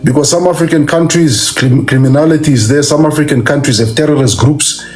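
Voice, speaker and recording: A man's voice: fairly high pitch, fairly quick, a little mellow. A man speaks as a guest on a call-in discussion, earnest and polite toward the host. Faint music can be heard behind him.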